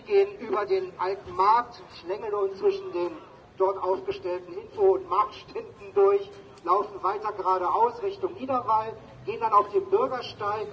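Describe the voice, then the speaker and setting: A man with a high, bright voice addresses a rally outdoors through a megaphone. He lays out the plan with dry, joking asides. The sound is a little dull, with faint noise behind him. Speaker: demonstration organizer.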